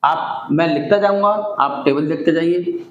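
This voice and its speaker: A man's voice: a little high, normal speed, echoey room, highs cut off, a little hiss or hum. A man teaching a maths lesson, explaining each step in turn and mixing Hindi with English terms. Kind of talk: classroom maths lecture.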